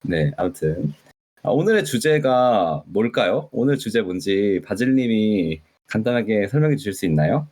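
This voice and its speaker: A man's voice: fairly low pitch, big pitch swings, normal speed, a little mellow. A man co-hosting a casual podcast, explaining at length with many fillers. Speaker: podcast co-host.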